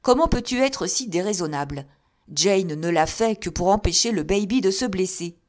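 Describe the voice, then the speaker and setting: A woman's voice: medium pitch, unhurried, warm tone, lightly acted. A woman reading aloud, putting on a flustered father who pleads in exasperation. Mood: exasperated.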